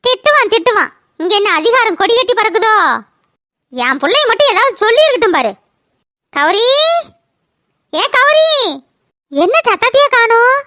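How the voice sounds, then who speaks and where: A woman's voice: extremely high pitch, big pitch swings, sharp tone, no room sound, clean studio sound, exaggerated voice. A woman voicing an indignant young village wife and mother in a cartoon. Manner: indignant, protective, quick retorts. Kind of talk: cartoon voice acting.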